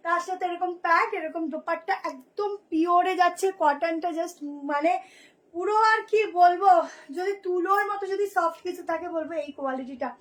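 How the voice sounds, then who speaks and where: Very high-pitched hoarse chatty woman. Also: fairly quick, a bit bright. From Kolkata, India. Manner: chatty, nonstop talker. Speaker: boutique seller. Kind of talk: live sales showcase.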